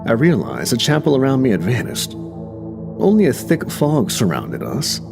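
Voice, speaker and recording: Gravelly male horror narrator. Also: mid-range voice, huge pitch swings, normal speed. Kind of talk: first-person horror story narration. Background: music.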